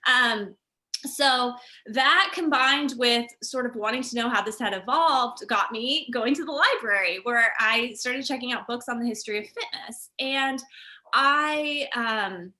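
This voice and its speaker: A woman's voice: fairly high pitch, a little slow. A woman author being interviewed, explaining her research in a conversational way with many fillers. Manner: animated, explanatory, with frequent fillers. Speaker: author and guest.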